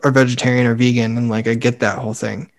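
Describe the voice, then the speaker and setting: A man's voice: medium pitch, flat delivery, fast talker. A young man co-hosting a podcast, rambling casually with lots of filler words. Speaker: podcast co-host. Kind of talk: casual chat.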